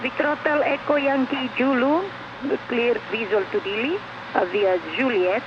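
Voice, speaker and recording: An air traffic controller heard over an aircraft's headset radio, giving clearances in clipped, procedural phrasing. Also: medium pitch. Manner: measured, procedural. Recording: muffled radio with engine noise.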